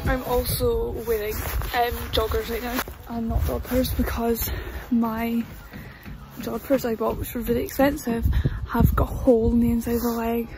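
A woman's voice: on the high side, little pitch movement, moderate pace. A young woman chatting casually to the camera as she preps her pony and sets up jumps, often apologizing. Her voice is picked up by a camera at the yard and arena, sometimes from a distance. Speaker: horse-riding vlogger. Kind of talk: casual vlog chat. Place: stable yard and outdoor riding arena. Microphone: camera on a tripod, sometimes far off. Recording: clear background music over the voice.

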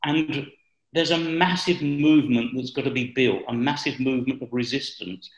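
A man, talking politics in a deliberate, halting, earnest way. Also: mid-range voice. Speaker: political commentator. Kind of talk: political discussion. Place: bright room at home. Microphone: video call. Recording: roomy, echoey video call.

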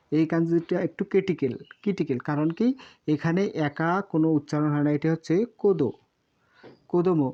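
Guy teaching kanji, kinda high but mellow voice, repeats everything, dull lo-fi audio. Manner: repeats words slowly, spells out syllables, often says sorry. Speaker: Japanese teacher. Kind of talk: kanji lesson while writing on a board. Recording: dull lo-fi sound.

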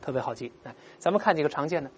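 A woman's voice: deep voice, animated, darkish tone, breathy edge. A woman teaching English vocabulary, explaining words patiently and asking "right?" again and again. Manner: explains patiently, slowly models pronunciations for repeating; asks "right?" often. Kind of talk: vocabulary lesson.

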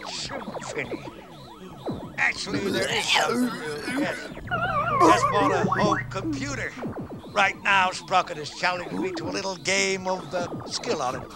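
A genial, chatty inventor from a puppet TV comedy, talking on the phone. His voice is fairly high and lively, and he takes his time. Loud music plays under him. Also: measured pace.

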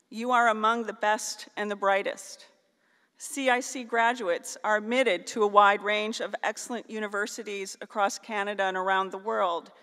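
A woman's voice: mid-range voice, a bit bright. Woman giving a ceremonial speech in a hall. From northeastern Ohio, US. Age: middle-aged. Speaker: keynote speaker at a graduation. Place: large auditorium stage. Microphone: podium microphone on a stand. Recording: long hall reverb.

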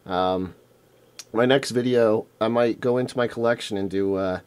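Unboxing his newest retro game finds on camera, this collector vlogger rambles in an easygoing, eager way, his speech full of fillers. His voice is lowish, a little mellow and growing hoarse, with occasional throat-clearing, and his tone stays steady at a normal speed. The sound comes from an off-screen camera mic indoors while his hands move across a table.

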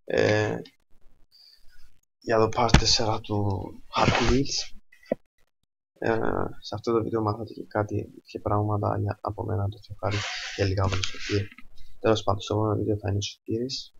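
Gravelly-voiced Cypriot gamer swearing loudly. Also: male voice, fairly low pitch, long pauses, muffled recording, background noise. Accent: Cypriot Greek. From Cyprus. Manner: excitable, swears a lot, sudden loud outbursts. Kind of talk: let's play commentary.

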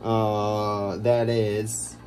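A man vlogging a casual how-to walkthrough, explaining in a rambling, halting way, recorded on a low-quality phone camera. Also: level tone, background noise. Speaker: DIY vlogger.

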